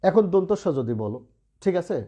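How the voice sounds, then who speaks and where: A man's voice: high voice, very animated, brisk, warm tone. A man teaching Bengali pronunciation rules in an online lesson, patiently checking in with students as he explains. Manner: patient, asks students rhetorical checks often.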